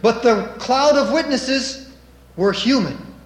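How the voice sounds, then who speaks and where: A man with a high voice preaches slowly and deliberately. He reads scripture with measured emphasis and lets his voice swell on key lines. The sound rings in an echoey room. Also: lively intonation. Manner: measured, emphatic delivery with dramatic rises. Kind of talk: sermon with scripture reading.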